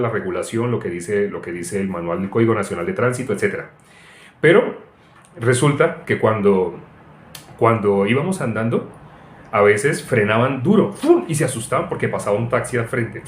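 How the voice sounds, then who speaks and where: A middle-aged man preaching an informal sermon, telling personal stories in an animated way with frequent laughs. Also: lowish voice, a little hiss or hum. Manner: animated, tells anecdotes, mocks voices, frequent laughs. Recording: echoey room.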